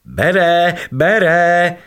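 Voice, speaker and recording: A man voicing a small male creature with a thin, squeaky little voice in a children's story. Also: lively intonation, bright, forceful tone. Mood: eager.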